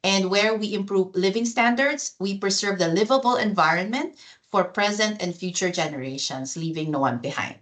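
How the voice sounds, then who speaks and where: A woman's voice: medium pitch, moderate pace, fairly bright tone. A woman HR officer hosting an online presentation over a video call, speaking with frequent fillers and restarts.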